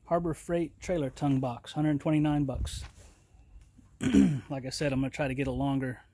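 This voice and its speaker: Flat-voiced man reviewing gear outdoors. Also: mid-range voice. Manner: plain, unhurried, folksy talk with fillers. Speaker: channel host reviewing a trailer tool box. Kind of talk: casual product review vlog. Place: outdoors in a yard beside a trailer.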